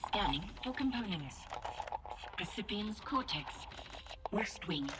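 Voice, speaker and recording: A broken female security robot glitches through terse error reports and diagnostics, her pitch leaping up and down between words and sometimes dropping to a whisper. It is heard through game audio with a heavy wash of noise behind it. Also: animated, slow pace. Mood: glitching. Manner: terse machine status reports, some whispered. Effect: glitching robot voice, clipped error announcements.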